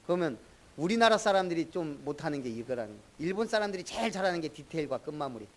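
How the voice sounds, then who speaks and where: Pastor, middle-aged man, higher-pitched voice, chatty sermon delivery that quizzes the congregation by name. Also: very animated, fast talker. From Jeolla, Korea.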